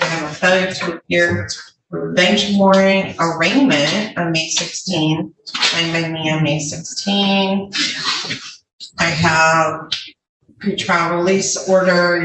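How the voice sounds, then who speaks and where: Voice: medium pitch, noisy background. Firm judge in a roomy courtroom. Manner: firm, measured, formal. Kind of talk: courtroom sentencing. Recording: roomy courtroom audio from far off.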